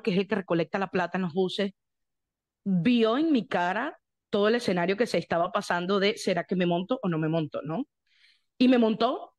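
A young Venezuelan woman, a guest in an interview, telling her story in lively detail, acting out quotes and breaking into song. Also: mid-range voice. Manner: animated storyteller, acts out quotes, bursts into song.

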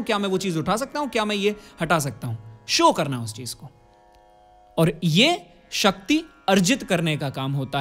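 A man's voice: high-pitched, fairly bright tone. A man teaching a singing lesson, explaining step by step and chanting vowel drills for his students to repeat. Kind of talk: vocal lesson.

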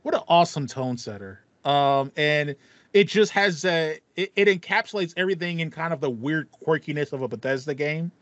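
A man in his thirties co-hosts a casual video game podcast, talking with enthusiasm and repeating phrases for emphasis. His voice is fairly high and a bit bright, at normal speed. He's on a video call headset in a small indoor home room with foam panels, and the dry recording has its highs cut off.

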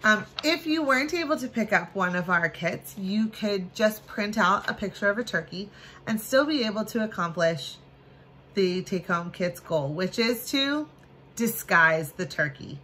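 A woman's voice: medium pitch, sharp tone, husky. A woman in her thirties giving a casual, upbeat craft demonstration for children, recorded on a phone in a small room. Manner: upbeat, addressing children as friends, with playful reveals. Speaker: children's library craft presenter. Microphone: phone at arm's length.

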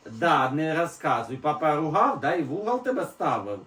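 A man's voice: on the high side, big pitch swings, normal speed. A man at home, chatting casually and patiently guiding a small child through a task. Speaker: parent at home. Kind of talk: casual family chat with a toddler. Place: home kitchen. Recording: echoey room, distant mic, faint noise.

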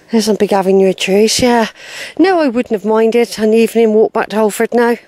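Her voice is fairly high with a darkish tone, and the recording is dry. This unseen walking vlogger films on a handheld camera as she heads up a grassy hillside, short of breath and wheezing, rambling chattily and talking to herself.

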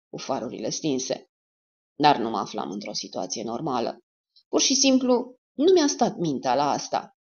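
A woman reads a dark crime audiobook in a lowish voice that rises and dips expressively. Her delivery is steady and measured. The recording sounds slightly dull and lo-fi. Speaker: audiobook narrator. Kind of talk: dramatic audiobook narration.

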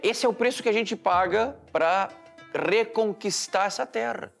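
Earnest man with a gravelly voice. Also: high-pitched, unhurried, fairly bright tone, soft background music. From Brazil. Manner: earnest and heartfelt. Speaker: entrepreneur and law student. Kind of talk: documentary interview. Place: living room at home, indoors.

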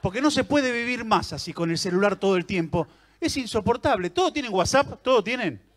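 An Argentine man works a live theater crowd in a stand-up set, teasing people in the seats and chatting with them. His voice sits high for a man and swings widely up and down as he talks. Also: lively intonation, fairly quick. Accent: Argentine Rioplatense Spanish. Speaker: stand-up comedian. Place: theater stage before a live audience.

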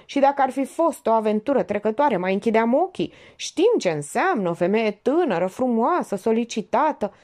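Woman reader doing a smug preachy notary, pitched up, lively swoops, audiobook. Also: hardly any pauses, lightly acted. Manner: theatrical, preachy, sentimental. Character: pompous middle-aged male notary, sanctimonious schemer. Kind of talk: audiobook character voice.

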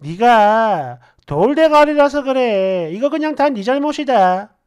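A woman's voice: on the high side, animated, slow pace, a little mellow, smooth. A woman voicing a blunt, scornful young woman friend who mocks and insults harshly.

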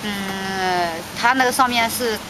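A woman giving emotional spoken testimony, halting and repeating herself, her voice rising when agitated, recorded outdoors. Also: medium pitch, background noise. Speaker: petitioner's sister recounting events.

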